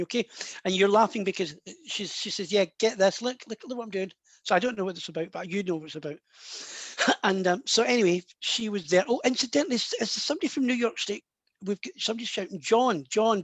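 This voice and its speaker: During a live online session, a man working as a psychic medium talks in a chatty, meandering way, constantly restarting his sentences. His voice sits high, and the recording is dry.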